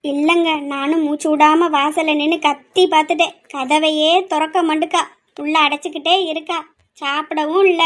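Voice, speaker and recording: A woman's voice: sits high, flat delivery, lightly acted. A woman playing a weary, pleading mother. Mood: worried. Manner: slow, pleading, scolding at times. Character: worried middle-aged mother, pleading and weary. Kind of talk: amateur family drama.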